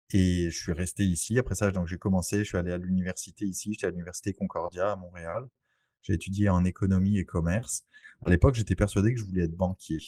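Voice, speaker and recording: Speaking in a deep, dark-toned voice with no echo, a real estate investor from Saint-Barthélemy in the French Antilles appears as a podcast guest. He talks informally and explains things in a conversational way during the interview.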